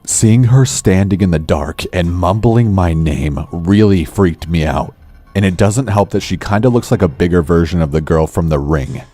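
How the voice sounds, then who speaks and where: Very deep, dark-voiced male narrator. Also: normal speed. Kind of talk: scripted horror story narration. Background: faint music.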